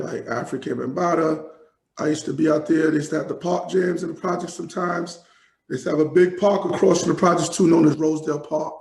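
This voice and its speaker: Gravelly New man, rambling. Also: fairly high pitch, a little mellow, echoey room, rough recording. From Jamaica, raised in New York. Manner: rambling, many fillers and restarts. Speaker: hip hop artist, guest. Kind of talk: casual interview talk.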